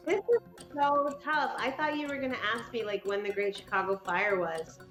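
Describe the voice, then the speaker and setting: A woman's voice: on the high side, fairly even intonation, normal speed, fairly bright tone, reverberant, soft background music. A woman who is a researcher and writer, a quiz contestant who talks in a wry, articulate way. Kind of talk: casual quiz show chat.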